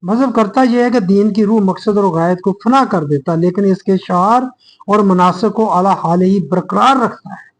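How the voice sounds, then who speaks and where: High-voiced man giving an earnest lecture. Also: moderate pace, poor audio. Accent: Pakistani Urdu. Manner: earnest, explanatory, addresses listeners as brothers. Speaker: religious speaker. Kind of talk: sermon-style lecture.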